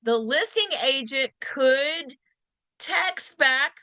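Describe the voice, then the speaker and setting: A woman with a high, animated voice leads a real estate training session. Her tone is bright and crisp, and she dips and slows to stress key points. The recording is dry and close with little room sound. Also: no room sound. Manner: lively, acts out quoted lines in varied voices. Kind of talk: continuing education class talk.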